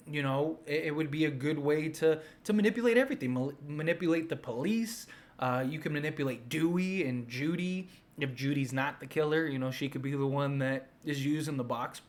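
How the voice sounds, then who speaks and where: Speaking as a fan host, this man offers off-the-cuff opinions with plenty of enthusiasm and emphasis, wandering and returning to the same points again and again. His voice runs on the high side.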